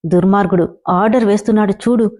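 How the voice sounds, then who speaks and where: Woman doing a sulky grumbly young woman, sharp tongue, warm low tone. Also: fast talker, lightly acted.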